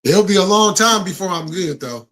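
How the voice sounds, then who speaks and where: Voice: medium pitch, animated, normal speed, pushed and bright. A live stream host chatting casually with viewers in informal, slangy speech peppered with swearing.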